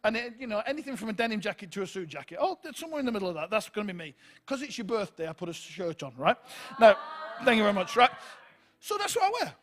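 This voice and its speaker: A middle-aged man delivers a sermon with a high-set voice. He is animated and humorous, moving between quiet asides and loud, emphatic bursts. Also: fast. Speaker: guest preacher. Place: church service in a hall.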